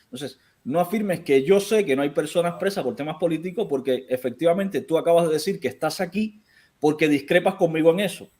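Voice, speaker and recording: A man's voice: on the high side, fairly quick, mellow. A Cuban man with a Cuban Spanish accent hosting a live stream, firmly interrupting a caller and insisting on his own views. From Cuba. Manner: firm, interrupting, insists on not being told what he knows. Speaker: channel host.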